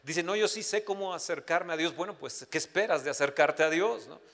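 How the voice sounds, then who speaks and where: In a hall full of long, echoing reverb, a man delivers a sermon in a slightly high, somewhat bright voice at a fairly quick pace. After reading from scripture, he shares personal anecdotes with frequent restarts.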